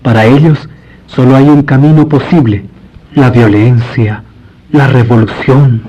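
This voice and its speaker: A man's voice: medium pitch, warm tone, a little hiss or hum, close to an everyday voice. A man playing a devout, courteous priest in a radio drama, speaking formally and earnestly. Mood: earnest, pious. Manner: formal, measured, pious. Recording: dull lo-fi radio recording.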